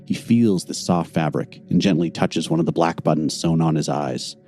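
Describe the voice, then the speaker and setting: A man narrating a tabletop game as game master, a deliberate storyteller. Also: rumbling low, darkish tone, soft background music.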